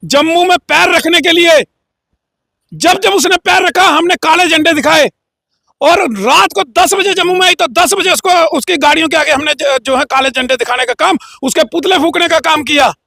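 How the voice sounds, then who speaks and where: A man's voice: very high-pitched, normal speed, gravelly, pushed and bright, no room sound, studio quality. A man as an interview guest giving a heated, combative political statement with frequent filler phrases. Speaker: interview guest, local group leader.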